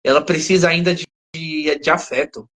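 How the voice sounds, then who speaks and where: A man with a Brazilian Portuguese accent co-hosts a podcast, casually discussing a TV episode and picking apart its plot. He is analytical, thinking aloud and restarting often. His fairly high, fairly bright voice keeps a steady tone at a moderate pace.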